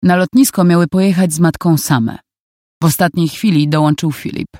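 A narrator reading a novel aloud in calm, even scripted narration. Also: mid-range voice, moderate pace, no echo, clean studio sound.

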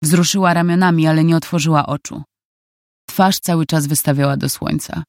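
Calm storyteller voice reading a novel, dry studio feel, nothing roomy. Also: medium pitch, normal speed. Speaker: narrator. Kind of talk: scripted audiobook narration.

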